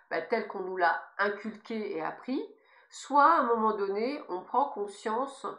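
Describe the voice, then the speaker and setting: The room rings around a woman's mid-pitched voice. She has a noticeable lisp that softens her s sounds. She talks informally as a spiritual guide, addressing listeners directly with emphatic encouragement. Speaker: spiritual guide giving guidance messages. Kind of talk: informal spiritual guidance monologue. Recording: echoey, reverberant room sound.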